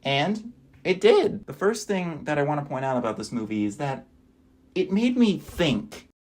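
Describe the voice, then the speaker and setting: A man's voice: a little high, very animated, moderate pace, a little mellow. A man giving a casual, wry voice-over review of movies he watched, with dry asides.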